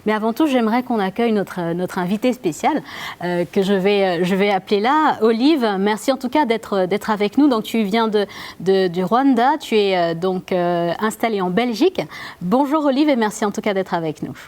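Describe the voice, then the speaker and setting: A woman hosting a casual discussion, polite and halting, often repeating words. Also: medium pitch, expressive, darkish tone. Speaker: host.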